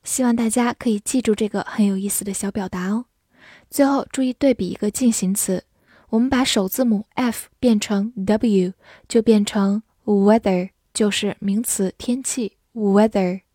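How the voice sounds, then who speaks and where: A woman teaching English vocabulary, spelling words slowly letter by letter in a clear, scripted lesson. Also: mid-range voice, steady tone, warm tone, dry recording, clean studio sound.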